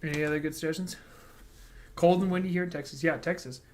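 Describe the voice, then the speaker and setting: A man's voice: a little high, fairly even intonation, quick pace, a little mellow, a little hiss or hum. A man co-hosting a casual reaction livestream, chatty and joking as he reads viewer comments aloud. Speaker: reaction channel co-host.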